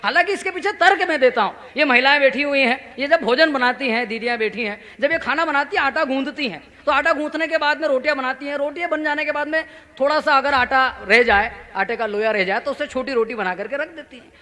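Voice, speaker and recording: A man telling comic stories on stage to a live audience, lively and acting out the voices of the people in them. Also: very high voice, fast. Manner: animated, acts out quoted voices, playful audience asides. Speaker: stand-up comic poet. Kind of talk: humorous stage storytelling. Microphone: stage microphone.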